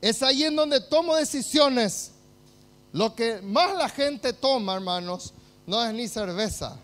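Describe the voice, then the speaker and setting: A Paraguayan pastor delivers an emphatic sermon with a strikingly high-pitched voice. He swings between hushed, intimate lines and loud, rousing calls to the congregation. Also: lively intonation, slow pace. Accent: Paraguayan Spanish.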